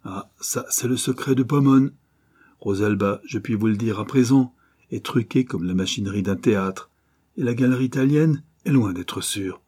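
A man's voice: on the low side, normal speed, dark tone, slightly rough. A man reading aloud and voicing a sneering, ruthless male bandit chief in a storybook adventure. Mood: boastful. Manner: sneering, boastful.

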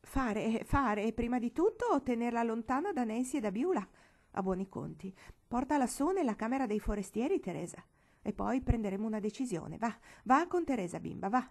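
Woman reading a stern old storybook aunt, cavernous and bossy, mellow tone, pitched up high. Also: animated, normal speed. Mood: commanding.

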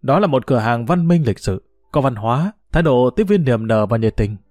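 A man's voice: medium pitch, expressive, fairly quick, darkish tone, no room sound, clean studio sound, faint music behind, natural voice. A man voicing a proud, teasing old retired official who talks in a boastful, bureaucratic way. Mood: smug.

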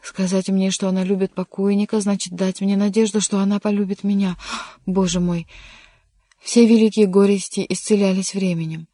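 A lovesick young count pours out his despair, as an audiobook reader plays him. The voice stays fairly even in pitch even as he pleads, and the recording is close and dry. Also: normal speed, dry recording, lightly acted. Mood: hopeful. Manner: impassioned, pleading. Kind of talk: audiobook reading.

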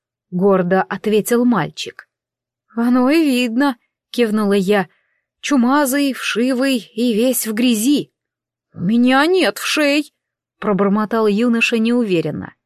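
A woman's voice: mid-range voice, a little mellow, no echo. A woman reading a first-person audiobook with dry, ironic storytelling. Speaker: audiobook reader.

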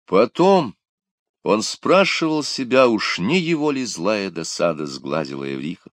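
A man narrates an adventure tale with measured, expressive pacing. His voice sits very low and deep. The recording is dry and close, with no room sound at all. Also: dry recording. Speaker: audiobook narrator. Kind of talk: scripted narration.

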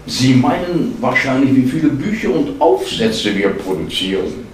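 A male reader voicing a dry, quietly amused office colleague. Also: medium pitch, big pitch swings, normal speed, slight background noise, pitched above the performer's own voice, natural voice. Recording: echoey hall, distant mic.

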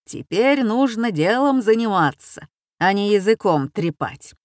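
A woman's voice: mid-range voice, expressive, measured pace, no echo, studio quality, close to an everyday voice. A woman voicing a pompous, easily flustered retired captain and father. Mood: boastful. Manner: pompous, blustering.

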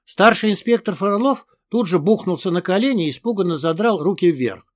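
Man, first-person audiobook narration, high-pitched, tough gruff delivery. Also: lively intonation, brisk. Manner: tough, gruff with crude curses in dialogue.

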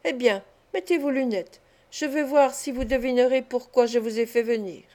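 A woman reading an audiobook, voicing an older gentleman who speaks brusquely. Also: a little high, moderate pace, lightly acted.

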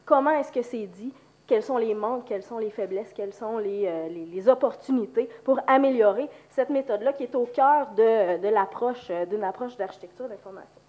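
Female lecturer, Quebec French accent, fairly high voice, speaking with the flu; informal conference talk. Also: mellow. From Quebec, Canada. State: has the flu. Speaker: university lecturer and researcher.

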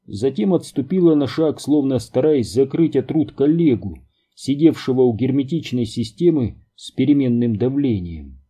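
A man narrating an audiobook in a steady, measured reading. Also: mid-range voice, breathy edge. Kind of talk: scripted narration.

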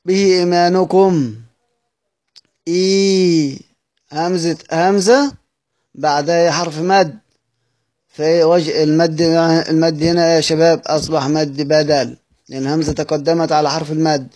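A man's voice: a little high, level tone, moderate pace, darkish tone. Egyptian man teaching Quran readings. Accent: Egyptian Arabic. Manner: explains with questions he answers himself, draws out the words he recites.

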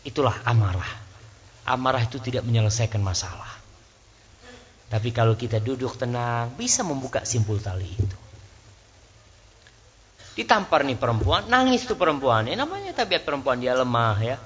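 Man preaching with sudden high rises. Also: sing-song, moderate pace, long pauses, a bit bright. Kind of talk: sermon. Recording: slightly dull lo-fi sound.

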